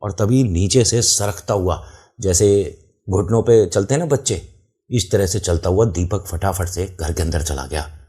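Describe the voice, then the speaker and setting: A man's voice: deep voice, unhurried, mellow, husky. A man telling a true-style horror story in casual first person. He talks to the listener directly and explains the scene as he goes.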